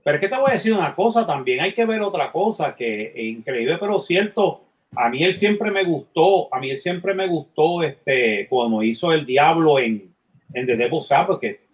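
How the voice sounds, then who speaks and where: Man, slightly high voice, animated storyteller, casual banter. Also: normal speed. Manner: animated storyteller, acts out movie scenes.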